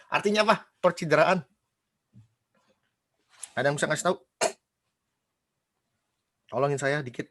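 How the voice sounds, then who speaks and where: Male preacher, higher-pitched, animated, chatty; questions the room. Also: normal speed, pauses often, background noise. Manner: animated, quizzes the congregation, mimics gossip. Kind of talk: casual sermon.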